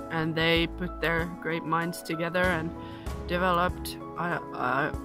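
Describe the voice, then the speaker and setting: A woman from Lapland, Finland, a textile designer speaking thoughtfully about her business, with hesitant pauses and fillers. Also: lowish voice. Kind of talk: interview testimonial.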